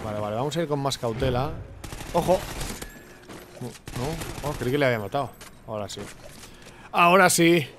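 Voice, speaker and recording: A young man from commentating his own gameplay, excitable, with sudden shouting bursts and repeated words. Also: medium pitch, fairly quick, pauses often, background noise. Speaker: gaming YouTuber.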